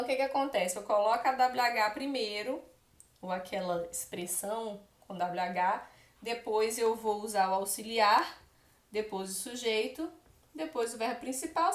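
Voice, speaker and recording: A woman's voice: fairly high pitch, echoey room. Brazilian woman teaching English grammar. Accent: Brazilian Portuguese. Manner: explains patiently with frequent "né?" and "tá bom?" check-ins. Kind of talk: classroom-style grammar lesson. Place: room where she writes on a board.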